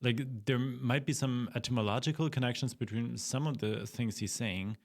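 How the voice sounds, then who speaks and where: Male reaction commentator, mid-pitched, sceptical, dismissive, thinking aloud in halting phrases. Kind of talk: unscripted critical commentary.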